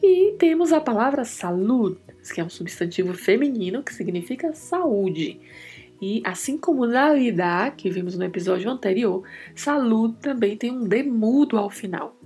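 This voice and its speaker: A woman hosting a podcast lesson, teaching Spanish to Portuguese speakers and drilling each word's pronunciation slowly and carefully. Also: fairly high pitch, animated, a little mellow, husky, faint music behind.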